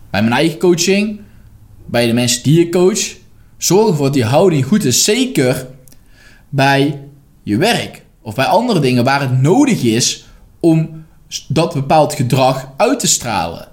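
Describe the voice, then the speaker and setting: A man who works as a life coach, giving a direct, emphatic motivational podcast monologue and now and then swearing bluntly. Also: fairly high pitch.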